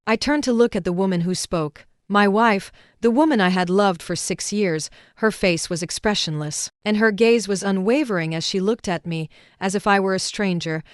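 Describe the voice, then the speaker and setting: A woman narrating a scripted first-person story in a steady, even read. Her voice is smooth and resonant. It sounds close and dry. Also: medium pitch, dry recording.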